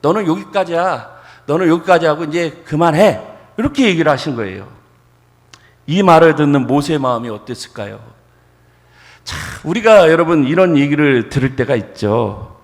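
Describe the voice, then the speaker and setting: Male preacher, expressive sermon delivery with questions to the pews, fairly high voice, recorded in a reverberant church. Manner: animated preaching, acts out dialogue, rhetorical questions to congregation. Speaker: pastor. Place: church sanctuary.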